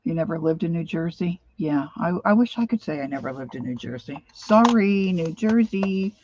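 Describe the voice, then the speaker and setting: A woman's voice: lowish voice, animated, normal speed, darkish tone, slight background noise. A middle-aged American woman chatting casually and ramblingly on a livestream, with slightly lisped speech from missing teeth. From Pennsylvania, United States. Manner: rambling, chatty, addresses viewers by name. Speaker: craft livestream host. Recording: dull, lo-fi sound.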